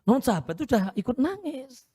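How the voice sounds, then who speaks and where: A man's voice: very high voice, very animated, fast talker, dark tone, slightly rough, no echo, studio quality. A male Islamic preacher, telling stories and repeating phrases for emphasis in a sermon lecture. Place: Islamic boarding school.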